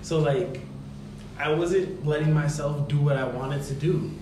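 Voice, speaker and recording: A man's voice: on the high side, a little slow. A man hosting a casual podcast, talking informally in rambling, filler-filled explanations, with big reverberant echo around his voice. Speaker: podcast host. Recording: echoey reverberant room, clear background noise.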